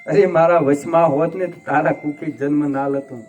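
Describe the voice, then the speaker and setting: A man's voice: a little high, steady tone, normal speed, darkish tone, muffled recording, faint music behind, close to an everyday voice. A man voicing a young grieving prince who reproaches himself with tearful, impassioned pleading. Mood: anguished.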